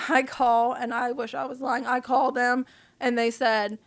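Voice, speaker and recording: A woman sits in as a podcast guest and tells her story in a loose, blunt, profane way. Her voice sits a bit higher than most women's. She talks casually, as if to a friend across the table. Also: measured pace. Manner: candid, profane, animated storyteller.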